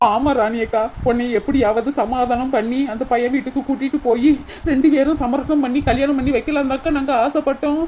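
A woman's voice: sits high, fairly even intonation, brisk, mellow, slight background noise, lightly acted. A woman voicing a loyal, pleading young village woman in a cartoon, speaking a southern Tamil Nadu village dialect. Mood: persuading. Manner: pleading, insistent.

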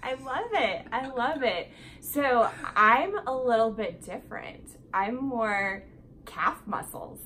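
A woman hosting a casual chat, upbeat and quick to agree, with lots of fillers. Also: a little high, lively intonation, sharp tone, slight background noise. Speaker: host.

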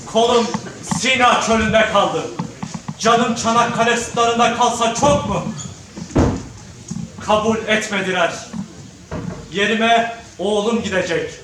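A man's voice: high voice, fairly even intonation, slow, long pauses. A man playing a proud, ageing war veteran and father in a patriotic stage drama, declaiming solemnly in emphatic phrases. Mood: proud, mournful. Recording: very echoey noisy hall from far off.

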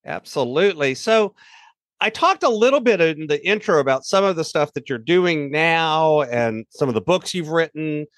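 A man hosting a podcast, reading a scripted intro and asking interview questions in an earnest, measured way. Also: on the high side, lively intonation, fairly bright tone, no echo, clean studio sound. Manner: earnest, measured announcer delivery. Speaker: podcast host.

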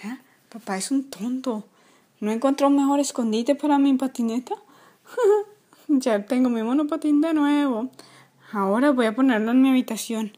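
A woman's voice: high-pitched, normal speed, dark tone. A woman voicing a cheeky young toy boy in a toy play video.

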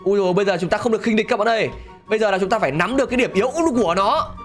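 A man giving excitable gameplay commentary, laughing often and talking straight to his viewers. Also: high voice, very fast, over loud music. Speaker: gaming channel host.

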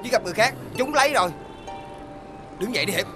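A woman's voice: medium pitch, expressive, over loud music, lightly acted. An actress playing a blunt young woman who scolds a drunk friend. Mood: exasperated. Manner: fast, exasperated scolding.

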